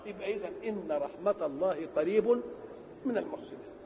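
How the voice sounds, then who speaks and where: A man with an Egyptian Arabic accent giving a religious lesson. He asks questions and answers them himself, and he stretches key words slowly for emphasis. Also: high voice, warm tone, muffled recording. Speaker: religious teacher. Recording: reverberant hall with faint background noise.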